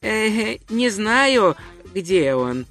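Man putting on a squeaky polite little tourist, naive and careful, storybook voice. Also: very animated, very slow, fairly bright tone, soft background music, exaggerated voice. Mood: hesitant. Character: Twoflower, meek, polite little male tourist.

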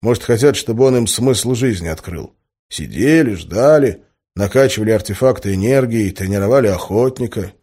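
Give me a husky male narrator reading a first-person novel with dry wit. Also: lowish voice, expressive, normal speed, dark tone. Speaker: audiobook narrator.

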